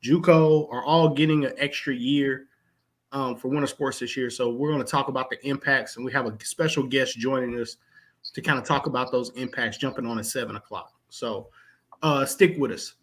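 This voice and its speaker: A man's voice: mid-range voice, fairly even intonation, normal speed. A man hosting a basketball podcast, laid-back and chatty, laughing and talking over his co-hosts. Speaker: podcast host. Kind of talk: casual sports podcast chat.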